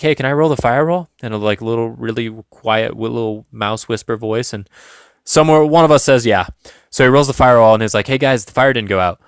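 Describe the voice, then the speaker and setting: A man's voice: medium pitch, smooth, no room sound, studio quality. A young man casually recapping a tabletop game, chatty and self-deprecating, laughing often. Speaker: tabletop game channel host.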